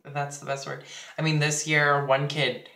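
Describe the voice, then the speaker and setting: Slow-talking teenage boy in an echoey room. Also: a little high, flat delivery, vocal fry, bright, forceful tone. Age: teens. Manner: candid, crude and chatty with many fillers. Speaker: vlogger. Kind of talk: casual vlog while getting ready.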